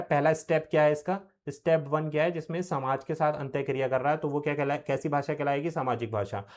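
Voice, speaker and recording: A young man giving an exam-prep lecture, who repeats key terms and asks questions that he answers himself. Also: on the high side. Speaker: teacher.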